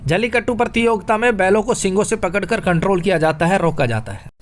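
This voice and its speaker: High-voiced man teaching quiz mnemonics. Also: fast. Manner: playful, jokey mnemonics, addresses listeners as brother. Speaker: exam coaching teacher. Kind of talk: current affairs quiz lesson with memory tricks.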